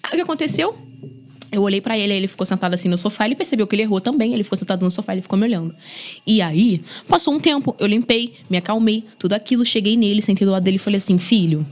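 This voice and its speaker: A young Brazilian woman, guesting on a podcast, chats casually about life as a single mother and tells personal stories. Her mid-range voice comes out rapid-fire, chatty and animated, peppered with "né?" and "gente".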